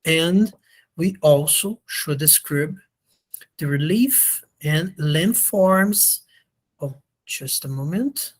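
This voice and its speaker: A university lecturer who is slightly sick and not a native English speaker explains things hesitantly on a video call, frequently checking that listeners understand. The voice is mid-range with lively intonation and a slow pace.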